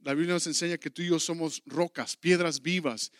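A man preaches a Bible class in an earnest, emphatic way, circling back to key phrases and pressing his listeners to answer. His voice sits a little high for a man. The sound is dry and close, with no room around it. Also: fairly even intonation, a little fast, a bit bright, no room sound. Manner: earnest, repetitive preaching with rising emphatic calls. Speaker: pastor teaching a Bible class. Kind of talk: sermon-style Bible teaching.

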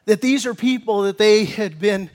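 With a voice that sits high and moves at normal speed, an American man preaches as a pastor. He reads scripture and becomes more excited and animated while explaining it.

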